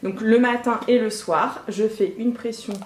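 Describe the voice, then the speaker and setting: Woman beauty vlogger, chatty and upbeat, slightly high voice. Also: measured pace, a little mellow. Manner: bubbly, chatty, talks straight to viewers. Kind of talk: casual unboxing vlog. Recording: echoey room with faint music.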